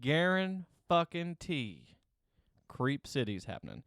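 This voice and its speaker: Smooth-voiced profane podcast host. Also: male voice, fairly high pitch, takes it slowly, no room sound, studio quality. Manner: profane, animated storytelling with mimicked voices. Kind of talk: casual podcast chat.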